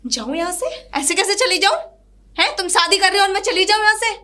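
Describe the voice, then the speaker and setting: A woman's voice: extremely high pitch, fairly quick, pushed and bright. A woman playing a defiant young pregnant wife who retorts and confronts her lover in a family drama. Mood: indignant. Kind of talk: hobby family drama acting.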